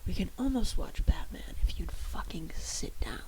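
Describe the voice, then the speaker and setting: A woman whispering as a deadpan bass player. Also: normal speed, low-quality recording. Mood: dry. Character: dry sarcastic young man, bass player. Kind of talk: whispered role-play.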